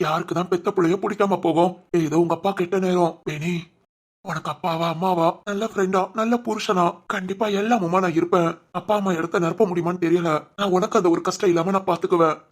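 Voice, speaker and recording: A woman voicing a gentle, protective young husband in a cartoon family drama, talking softly and comfortingly. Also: lowish voice, fairly even intonation, fairly quick, lightly acted. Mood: soothing. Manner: soft, comforting and reassuring.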